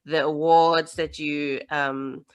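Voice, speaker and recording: A woman's voice: deep voice, flat delivery, takes it slowly, clear, resonant tone. A young woman hosting a podcast interview over a video call, chatty and laughing often. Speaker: podcast host.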